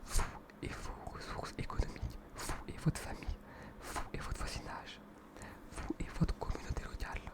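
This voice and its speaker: Young man in a soft library whisper. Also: moderate pace. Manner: hesitant, informal, earnest, apologetic. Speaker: ASMR video creator presenting books. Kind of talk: whispered ASMR book presentation.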